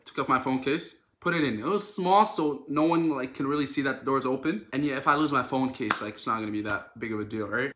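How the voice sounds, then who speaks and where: A young man from Canada tells a story in a casual vlog, animated and dramatic, with plenty of fillers. His voice is bright and forceful. The room leaves a noticeable echo. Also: mid-range voice. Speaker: social media creator.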